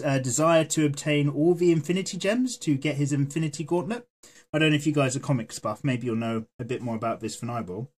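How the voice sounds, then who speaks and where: A man chatting casually while he draws, rambling and swearing freely as he goes, with a voice that is going hoarse. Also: a little high. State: losing his voice. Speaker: art vlogger. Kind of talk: casual chat while drawing.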